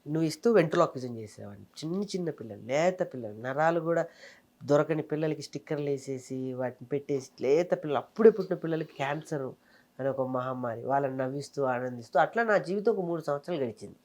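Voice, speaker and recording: Man, thirties, quick and animated, comedian recalling his career in an interview. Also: fairly high pitch. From Telangana, India. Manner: fast, animated storytelling. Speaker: interviewee, comedian and mimicry artist. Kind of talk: casual interview storytelling.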